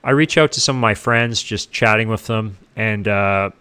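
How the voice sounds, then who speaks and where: A middle-aged man from Canada, a guest casually telling his life story in an animated way, acting out what others said. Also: on the low side, normal speed, clean tone. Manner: animated, acts out what people said.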